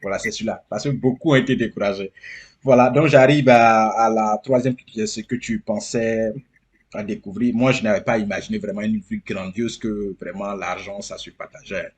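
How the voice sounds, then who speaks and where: Man, husky voice, earnest guest who repeats himself for emphasis. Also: fairly low pitch, fairly even intonation, normal speed. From Côte d'Ivoire. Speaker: interview guest. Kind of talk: casual interview.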